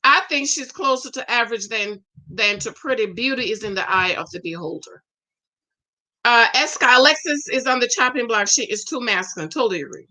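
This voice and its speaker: A chatty woman in her forties reviews a show on a livestream, reading comments and answering them with sass. Her voice sits high and has a bright, forward edge. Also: animated, brisk. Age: 40s. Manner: sassy, chatty, reads comments aloud and reacts.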